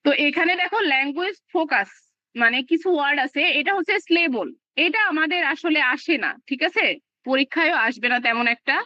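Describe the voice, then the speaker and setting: A woman's voice: high-pitched, lively intonation, a little fast, sharp tone, no room sound, muffled recording. A woman teaching a live online class, explaining step by step with plenty of fillers. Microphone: video call.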